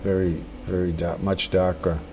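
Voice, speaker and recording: An older man giving a casual watercolor tutorial as a gentle, encouraging, unhurried painting instructor. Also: low-pitched, little pitch movement, soft background music.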